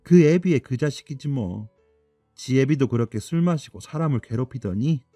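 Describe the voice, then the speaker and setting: Lower, clucking women's voices full of scorn, as a man plays them, sighing and tutting between their words. The sound is dry, with faint music behind it. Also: animated, moderate pace, mellow, no room sound, lightly acted. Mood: scornful gossip. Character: gossiping middle-aged neighbor women, spiteful.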